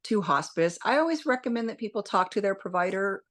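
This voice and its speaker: A woman's voice: mid-range voice, expressive, brisk, a bit bright. A woman speaking as a hospice nurse and interview guest, explaining things in an informative, plain-spoken way straight to the listener.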